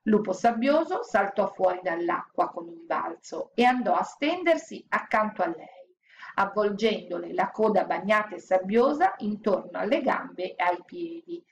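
A woman narrating a children's story aloud in a calm, expressive storytelling manner. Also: mid-range voice, normal speed, vocal fry, muffled recording. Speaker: audiobook narrator.

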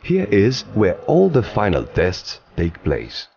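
A man giving scripted documentary narration in an even, explanatory delivery, recorded as a studio voice-over. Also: fairly low pitch, slow, gravelly, dull audio, slight background noise.

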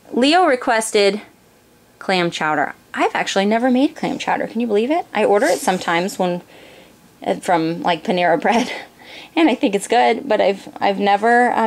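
A woman's voice: medium pitch, gravelly. Chatty woman doing a grocery haul vlog. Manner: chatty, reads prices off a receipt, frequent pauses and fillers. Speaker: homeschooling mother and vlogger. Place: home kitchen, indoors.

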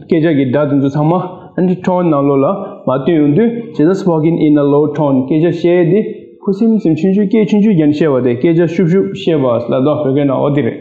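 A man teaching a class, reading an English story slowly and explaining each line in a local language. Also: a little high, dark tone. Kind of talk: bilingual classroom lesson, reading and translating a story. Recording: echoey room, tinny phone-like sound.

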